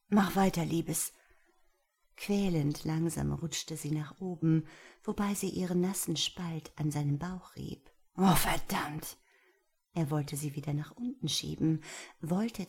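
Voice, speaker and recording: A woman narrating an erotic audiobook in a breathy, half-whispered reading. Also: deep voice, warm tone.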